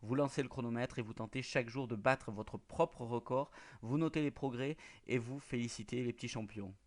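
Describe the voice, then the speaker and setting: A man hosting a local radio show, reading out tips and often pausing on filler sounds. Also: mid-range voice. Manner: hesitant, many filler sounds between phrases.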